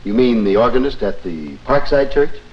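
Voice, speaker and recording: A man's voice: medium pitch, animated, moderate pace, close to an everyday voice. An actor playing a businesslike church committee man in a 1950s promotional film. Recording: muffled 1950s film soundtrack.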